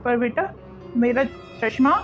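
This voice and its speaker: A woman's voice: a little high, fairly even intonation, a little slow, loud music behind the voice, natural voice. A woman acting a timid old village father-in-law who speaks in a faltering, apologetic way.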